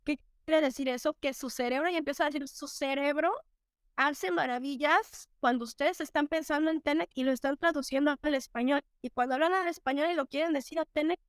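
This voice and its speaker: A woman's voice: high voice, brisk, dry recording, clean studio sound. A Mexican woman in her thirties, a teacher and interview guest, telling stories reflectively with many fillers and restarts.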